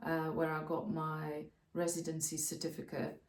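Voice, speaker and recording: A woman, calmly explaining practical steps in a casual vlog, often pausing to think. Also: sits low, recorded from a distance. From Slovakia. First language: Slovak. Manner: practical, step-by-step explaining with frequent hesitations. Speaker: co-host of a channel about moving abroad. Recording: roomy sound, voice off-mic.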